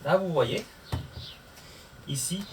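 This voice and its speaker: Working through a hands-on tutorial, this motorcycle vlogger talks casually to camera and mutters to himself along the way. He speaks slowly and expressively in a fairly high voice, recorded from a distance with noticeable background noise.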